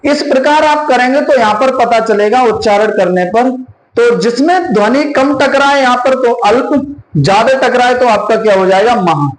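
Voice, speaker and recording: High-voiced man teaching in an echoey room. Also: lively intonation. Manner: asks questions and answers them himself; repeats key terms and sounds slowly. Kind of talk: exam-prep classroom lesson.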